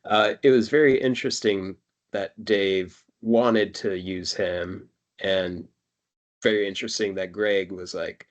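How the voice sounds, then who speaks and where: A man with a fairly low voice co-hosts a casual album review podcast. He rambles through his stories and uses plenty of fillers. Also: fairly even intonation, measured pace, dull audio. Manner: chatty, lots of fillers and laughs. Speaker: podcast co-host. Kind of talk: casual music review chat.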